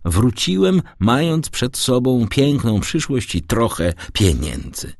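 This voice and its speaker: A man's voice: mid-range voice, sing-song, slow, a little mellow, dry recording, clean studio sound, pitched above the performer's own voice. A man voicing an eager young sailor son who speaks earnestly and urgently.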